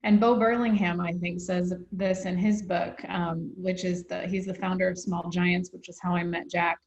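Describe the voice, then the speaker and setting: A woman's voice: on the low side, level tone, moderate pace, darkish tone, echoey room, muffled recording. A woman hosting an interview, talking in an earnest, reflective way. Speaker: host. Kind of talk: conversational interview.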